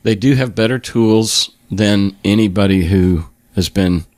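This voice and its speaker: A man's voice: on the low side, measured pace, a little mellow, no echo. A middle-aged man hosting a podcast interview, casually talking and often restarting his sentences. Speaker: podcast host.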